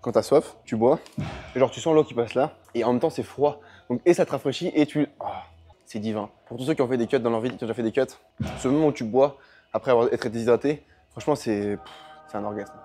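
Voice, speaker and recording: A man's voice: medium pitch, fast, dark tone, slightly rough. A young man chatting casually in a rambling gym vlog, worn out after a long training session. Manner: chatty, rambling, self-correcting. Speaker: powerlifting vlogger.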